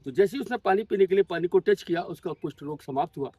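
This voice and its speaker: A man's voice: high-pitched, fast, breathy edge, no room sound, muffled recording. A man working as a tour guide, telling local history to a group outdoors at a monument in a patient storytelling way. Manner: patient storytelling, drops in English words and numbers.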